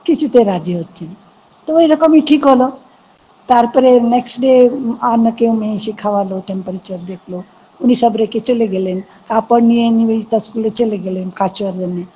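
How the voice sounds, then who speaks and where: A woman monastic speaker gently recounting devotional stories at a gathering and acting out the quoted dialogue. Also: a little high, brisk, slightly rough, rough recording. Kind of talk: devotional storytelling. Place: online satsang talk.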